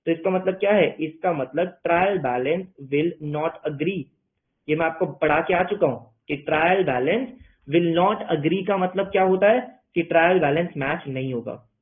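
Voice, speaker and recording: Guy teaching accounting, bit high voice, jokey, asks and answers himself, thin phone-ish audio. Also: measured pace. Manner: playful, answers his own questions in students' voices. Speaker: commerce teacher. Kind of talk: online accounting lecture. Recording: tinny phone-like sound.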